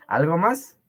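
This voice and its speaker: A man's voice: a little high, husky. A man with a Peruvian Spanish accent teaching an online Quechua class, joking with his students and laughing often.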